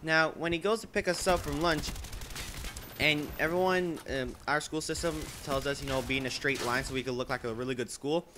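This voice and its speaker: A teenage boy rambles through a story over gameplay, his voice sitting a little high. He leans on filler words and restarts as he talks casually. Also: steady tone, fairly quick, noisy background. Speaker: gameplay commentator.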